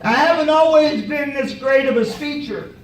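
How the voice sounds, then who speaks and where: Man plays stumbling, high-pitched, indignant preacher; live sketch, roomy distant sound. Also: normal speed, a little hiss or hum. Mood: rambling. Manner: rambling, stumbling over words, comically indignant. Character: bumbling excitable male traveling preacher. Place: stage before a live audience. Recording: echoey hall from far off, audience.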